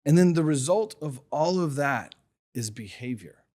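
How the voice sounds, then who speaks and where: A man's voice: a little high, expressive, moderate pace, a little mellow. A middle-aged man hosting a solo motivational podcast, reflective, asking rhetorical questions and drawing on his own life. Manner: reflective, asks rhetorical questions, talks from personal experience. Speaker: podcast host.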